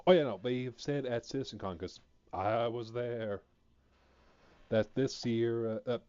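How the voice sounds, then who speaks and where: A man's voice: mid-range voice, fairly even intonation, measured pace, a little mellow, smooth, lo-fi sound. A man chatting casually on a gaming stream, rambling and hesitant, full of fillers, sounding a bit sleepy. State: sleepy, yawning.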